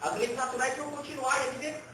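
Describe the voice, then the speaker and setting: Um homem participando de uma sessão espiritual, conversando e contando uma história de modo informal, com muitos "né?". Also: male voice, very high voice, steady tone, fast. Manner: chatty, frequent tag questions. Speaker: participant in spiritual session. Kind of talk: casual conversational storytelling. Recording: distant mic in echoey room with noise.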